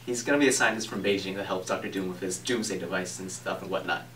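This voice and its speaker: A young man acting in an amateur student skit as a brisk, dismissive casting director. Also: sits low, a bit bright. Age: young adult. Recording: distant, faint noise.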